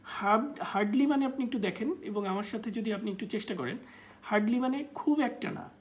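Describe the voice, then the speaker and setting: A woman with a Bangladeshi accent teaching a live English class in Bengali. She reads English example sentences slowly and uses many filler sounds. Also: a little high.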